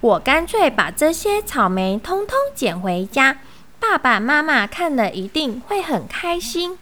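A woman's voice: high voice, sing-song, measured pace, sharp tone, full character voice. A woman voicing a kind young male fox cub in a children's storybook, talking in an earnest, childlike way. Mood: sulky.

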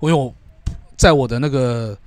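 A man's voice: medium pitch, moderate pace, no room sound. A young man, telling a story in a casual chat and swearing often as he goes. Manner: swears casually, lots of filler agreement. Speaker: podcast co-host.

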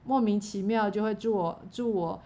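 A middle-aged woman, chatting casually about faith and her songwriting, pausing often with fillers and restarts. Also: medium pitch, warm tone. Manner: hesitant, many fillers and restarts. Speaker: songwriter and church worker.

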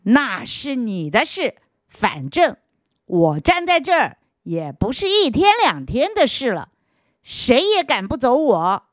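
A stubborn old stone from a children's storybook, rude and bossy, mocking anyone who asks it to move, as a woman storyteller puts it on. The delivery swings widely in pitch and moves slowly. Recorded close and dry. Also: huge pitch swings, a bit bright, no echo, heavily acted. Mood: domineering.

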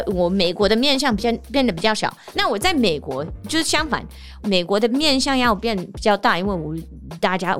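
A woman from the United States, a native English speaker, hosting a casual podcast monologue, telling stories in an animated way and laughing often. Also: a little high. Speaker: podcast host; teacher and performer.

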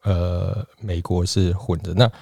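A relaxed man in his forties talks as a guest, his voice sitting fairly low and his manner chatty with easy laughs. His sentences often stall and restart. The sound is dry and close, with no room around it. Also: slow, creaky, dry recording. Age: 40s. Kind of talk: casual chat.

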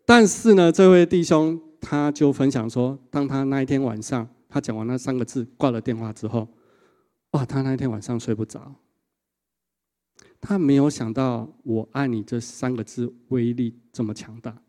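Brief: male pastor, mid-pitched, lively story-driven preaching with chatty "ha" asides. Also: moderate pace. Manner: animated storytelling with a frequent 哈 tag. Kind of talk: sermon.

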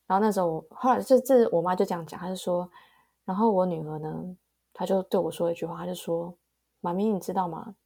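A young woman, co-hosting a casual podcast and telling stories calmly, laughing easily. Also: lowish voice, creaky, husky. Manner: calm, laughs easily, storytelling. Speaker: podcast co-host. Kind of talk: casual chat.

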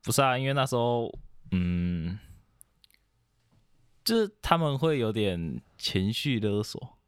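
A young man from Taiwan chatting casually on a podcast, hesitant, with many restarts and soft laughs. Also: mid-range voice, very animated, takes it slowly, clear, resonant tone, no echo, clean studio sound. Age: young adult. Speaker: podcast guest. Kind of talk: casual chat.

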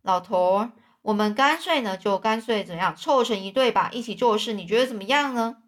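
A theatrical young man who sighs over his lost fortune and plays the tragic hero, acted by a woman reading a storybook aloud. The voice leans somewhat high with sweeping emotional delivery. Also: animated, a little fast, natural voice. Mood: coaxing. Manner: sighing, mournful, theatrical. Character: self-pitying young male drifter, melodramatic.

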